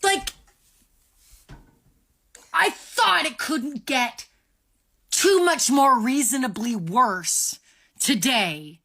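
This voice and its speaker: A high, bright woman with a husky edge, ranting bitterly to camera. She speaks slowly with a lively, swooping pitch and hard emphasis. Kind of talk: social media rant.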